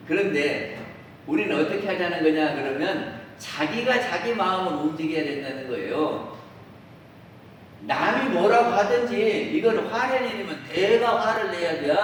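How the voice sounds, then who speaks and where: A man who is a Won Buddhist minister, with a voice that sits high, delivers a dharma talk to a congregation, posing questions to listeners and acting out everyday quotes. The recording, made in a temple dharma hall, is very echoey, with his voice far off and faint hiss.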